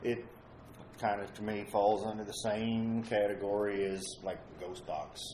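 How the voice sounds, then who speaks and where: A man with a somewhat low voice chatting as a co-host on a ghost-hunting show. He gives blunt, opinionated verdicts. The room around him is echoey. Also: steady tone, a little slow, warm tone, a little hiss or hum. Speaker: paranormal investigator co-host. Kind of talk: casual chat.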